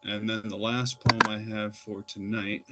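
Low-voiced young man reading his poems. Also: little pitch movement, a little slow, very noisy. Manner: plain unpolished delivery with fillers. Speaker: poet reading. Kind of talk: poetry reading.

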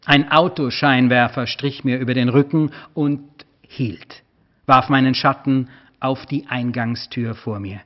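Male author, literary reading, measured and expressive, mid pitch, dull lo-fi recording.

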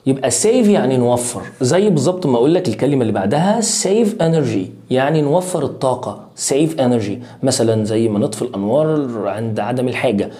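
A man with an Egyptian Arabic accent teaching English to young pupils in a lively, playful way, repeating drill words slowly. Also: mid-range voice. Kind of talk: online lesson for young pupils. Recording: roomy echo.

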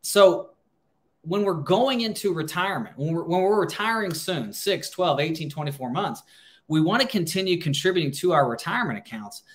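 This fairly high, fairly bright male voice belongs to an American financial planner in his thirties, livestreaming to camera. He's expressive and moderately paced, explaining things conversationally and emphatically while repeating words for emphasis.

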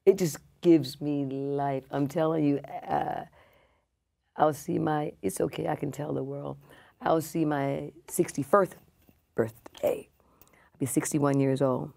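Interviewed casually as a guest, a pastor in her sixties speaks slowly in a deep, steady voice, hammering home her points through repetition and often softening into breathiness.

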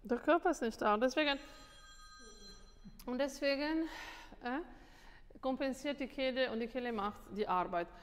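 Woman vocal coach, fairly high voice, animated and repetitive, tired, long reverb of a school room. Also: normal speed, long pauses, clear, resonant tone. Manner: animated, repeats words, mixes in English. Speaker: singing teacher. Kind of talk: masterclass coaching.

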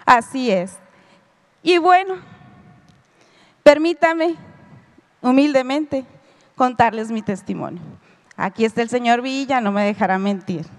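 A middle-aged woman with a high voice gives a talk to an audience, speaking to them directly as she tells a personal story. Her voice rings out with a long reverb, as in a big hall. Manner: storytelling, addresses listeners directly, acts out quoted dialogue. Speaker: lecturer giving a personal testimony. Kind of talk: spoken lecture to an audience.

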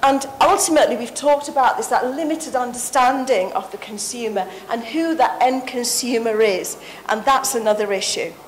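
A woman's voice: fairly high pitch, moderate pace, hardly any pauses, slight background noise, poor audio. Earnest woman presenting at a conference. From Sri Lanka. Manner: earnest, passionate speaker. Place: conference stage indoors. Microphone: handheld mic.

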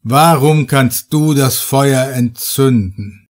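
A man's voice: mid-range voice, takes it slowly, lightly acted. A man voicing an ancient living stone idol that speaks with a thundering, cold and scornful voice. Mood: booming, scornful.

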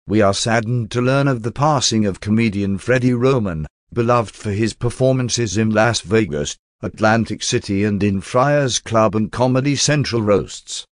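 A man reading scripted news narration in a measured, formal manner. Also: on the low side, no room sound, clean studio sound.

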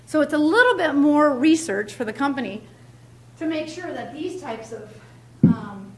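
A woman's voice: high-pitched, expressive, moderate pace, a little mellow, slight background noise. A middle-aged woman giving a keynote lecture at a podium in a large lecture hall, emphatic, repeating key words, with frequent ums. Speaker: keynote speaker. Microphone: podium mic, filmed from far back.

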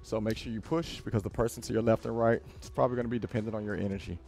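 In a small home-style gym with a rubber floor, a man in his thirties coaches a workout to camera, casual, direct, and motivational. He talks rapid-fire in a lowish, darkish voice with fairly even intonation and vocal fry.

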